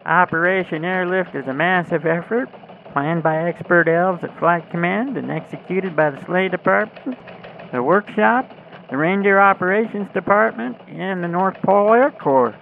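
An earnest, excitable Christmas elf sky reporter played by an actor explains things emphatically in a mid-pitched voice. It comes through a thin, phone-like radio link with engine noise behind, as a scripted holiday field report. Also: moderate pace, vocal fry. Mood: earnest, eager.

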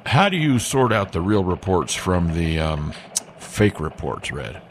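A man's voice: low-pitched, sing-song, a little slow, slight background noise. A man playing an earnest Christmas elf who anchors a scripted mock radio newscast with formal courtesy. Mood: curious, agreeable. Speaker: news anchor.

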